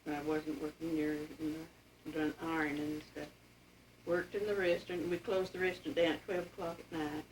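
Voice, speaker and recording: A woman's voice: low voice, little pitch movement, normal speed. An elderly woman with an Appalachian accent reminisces casually about family history in plainspoken, folksy speech. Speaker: interviewee telling family history. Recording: distant mic, clearly noisy home recording.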